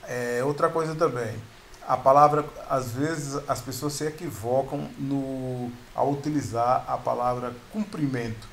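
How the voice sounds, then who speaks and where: A man's voice: medium pitch, steady tone, measured pace, creaky, a little hiss or hum. A man giving a video lesson on grammar, explaining patiently, restarting words and often addressing viewers as "pessoal". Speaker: teacher.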